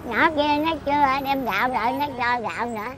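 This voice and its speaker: A woman's voice: high voice, a little fast, a loud crowd. A woman in her eighties chatting casually outdoors, blunt and teasing as she scolds the person she talks with. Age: 80s. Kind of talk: casual chat.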